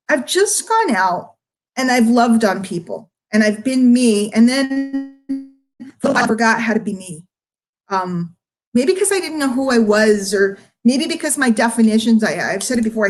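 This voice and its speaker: Speaking on the high side, a middle-aged marketing coach holds a casual live-stream chat with her online followers. She's candid and tends to ramble, driving her points home emphatically and straight at whoever's listening.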